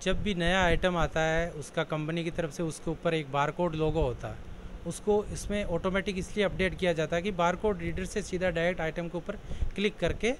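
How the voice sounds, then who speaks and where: A man giving a plain, step-by-step walkthrough of a software program's options, explaining each screen in turn. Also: fairly high pitch, slight background noise, poor audio. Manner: plain explanatory, walks through options one by one. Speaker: software tutorial presenter.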